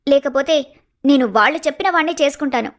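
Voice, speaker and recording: A woman voicing a clever, playful young woman in love who talks in a teasing, lively way. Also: high voice, fast talker, close to an everyday voice. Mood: teasing, tender. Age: young adult.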